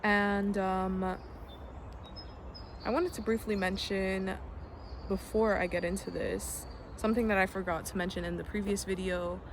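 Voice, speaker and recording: In a reflective personal vlog, a young American adult talks earnestly, saying um often and swearing casually now and then. Their mid-range voice barely moves in pitch, at a measured pace with frequent pauses, over background noise of birds and traffic.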